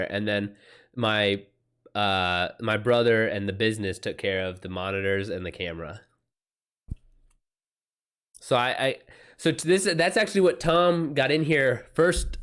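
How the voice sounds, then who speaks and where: An American-accented man hosts a laid-back livestream, reacting to viewer comments aloud with plenty of slang. The self-published author speaks at a medium pitch with a fairly bright tone.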